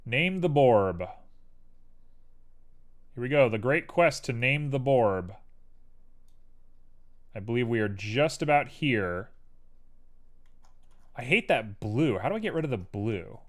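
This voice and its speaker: A man's voice: medium pitch, animated, slow pace, pauses often. A young man streaming while he 3D models, muttering to himself in a playful, rambling way. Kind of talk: casual livestream commentary while 3D modeling.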